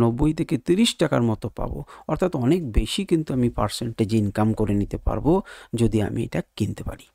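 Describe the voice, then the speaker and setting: A man's voice: mid-range voice, gravelly, dark tone, no room sound, studio quality. A man teaching trading, speaking in with an emphatic lecturing manner full of rhetorical questions. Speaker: trading educator. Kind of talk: explanatory lecture to viewers.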